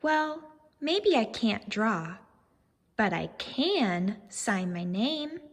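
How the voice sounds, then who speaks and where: A woman plays a stubborn little schoolgirl in a storybook. Her voice is high and swings widely, with a sulky, emphatic manner. The sound carries a long reverb. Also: very animated, extremely slow, breathy edge, full character voice. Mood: defiant. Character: discouraged, stubborn schoolgirl turned proud young artist.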